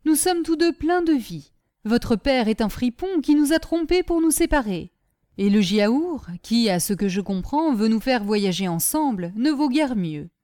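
Woman voicing a proud storybook caliph, lordly and dismissive, pitched a touch high, mellow tone. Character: proud amorous male caliph, commanding.

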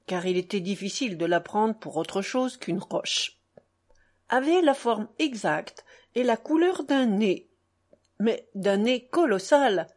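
A woman narrating a classic tale in a measured, expressive reading voice. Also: fairly high pitch. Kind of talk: audiobook narration.

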